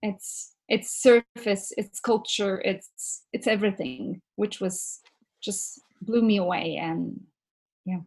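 A woman's voice: medium pitch, takes it slowly, a little mellow, breathy edge. A woman in her forties from Bulgaria, speaking with a Bulgarian accent as a ceramics teacher interviewed on a podcast. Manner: thoughtful, speaks with some fillers.

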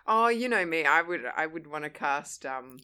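Bright, giggly chatty woman. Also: low-pitched, smooth. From England. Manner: quick, giggly, animated storytelling with voiced quotes. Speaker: podcast co-host. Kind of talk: casual chat.

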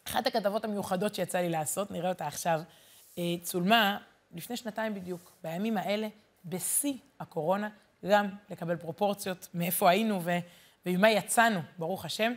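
Woman, Torah lesson, animated, emphatic, repeats herself while thinking, mid-range voice. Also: mid-range voice. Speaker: teacher and journalist.

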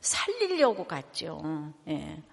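A woman's voice: low voice, wildly swooping pitch, slow, vocal fry. Older woman pastor preaching in a reverberant hall. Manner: chatty storytelling, asks the congregation questions. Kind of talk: sermon. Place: church sanctuary.

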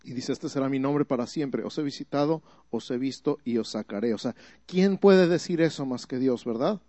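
A man preaches a sermon like a teacher, putting questions to his listeners and climbing into emphatic, repeated phrases. His voice is medium-pitched and mellow, moving at a normal speed, captured in a dry recording.

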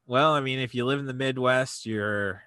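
A man chatting casually on a podcast, talking haltingly with many fillers and restarts. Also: mid-range voice, pushed and bright, clean tone, no room sound.

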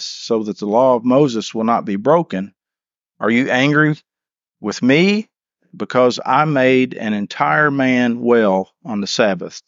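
A man's voice: medium pitch, no echo, dull audio. A man leading a church Bible class, reading scripture and then explaining it, often restarting and repeating words as he asks the class questions.

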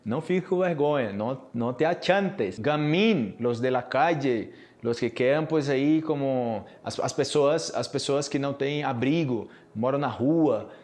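A man's voice: mid-range voice, unhurried, hardly any pauses, a little mellow. A Brazilian man with a Brazilian Portuguese accent, a teacher giving a casual podcast lesson and explaining each point through many repeated examples.

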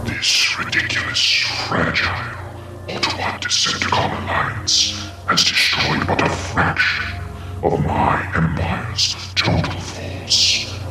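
A man voicing a menacing, coldly irritated robot emperor in slow, grandiose, gravelly pronouncements. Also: extremely low pitch, bright, forceful tone, exaggerated voice. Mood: cold menace. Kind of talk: dramatic villain reading. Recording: heavily echoing, distant, music behind. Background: music.

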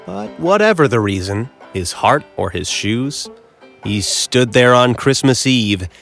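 A man reads a rhyming children's storybook aloud in a warmly paced, sing-song voice. His pitch rises and falls widely as he plays up repeated words, and festive music with jingle bells plays clearly behind him. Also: unhurried. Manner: expressive, sing-song rhyming delivery with playful repetitions. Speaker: storybook narrator. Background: background music with jingle bells.

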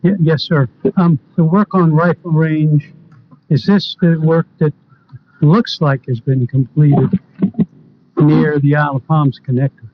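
A man's voice: on the high side, steady tone, unhurried. A man asking casual questions and making motions as a committee member. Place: indoor committee meeting. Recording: dull meeting audio, faint noise.

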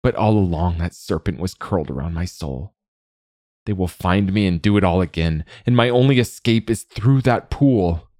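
A man's voice: low voice, moderate pace, darkish tone, no echo, studio quality, natural voice. A man voicing a frightened, ashamed young male warrior, speaking in a strained, pleading way. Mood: desperate.

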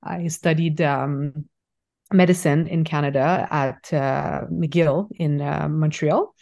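A middle-aged woman from Haiti, a fertility doctor, speaks as a podcast guest in a thoughtful, halting way with frequent restarts. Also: sits low, steady tone, gravelly, darkish tone, highs cut off. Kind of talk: conversational interview.

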